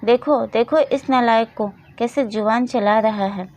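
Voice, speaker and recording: Woman doing a grumpy farmer dad voice, gruff, still kinda high, storybook style. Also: a little slow, darkish tone. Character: poor village farmer father, irritable. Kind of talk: storybook narration with voiced roles.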